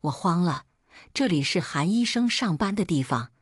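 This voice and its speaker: A woman narrating a first-person domestic drama at a steady, even pace. Her voice sits low, and the recording is dry and close. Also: moderate pace, slightly rough, dry recording. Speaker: story narrator.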